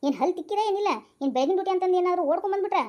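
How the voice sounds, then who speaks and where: A woman's voice: extremely high pitch, racing, darkish tone. A woman playing a bossy male police inspector in a comic skit, speaking with a North Karnataka Kannada accent and scolding his constable.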